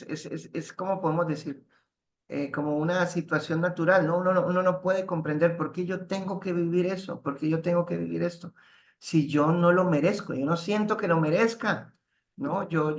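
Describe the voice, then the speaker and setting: A man teaching a spiritual class, halting and restarting, ending phrases with tag questions. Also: fairly high pitch. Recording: roomy echo.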